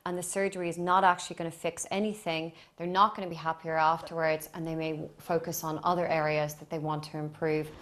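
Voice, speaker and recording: A woman speaks as an expert interviewee, explaining her view. Her voice is low, with little variation in pitch. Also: level tone, fairly quick, hardly any pauses, a bit bright.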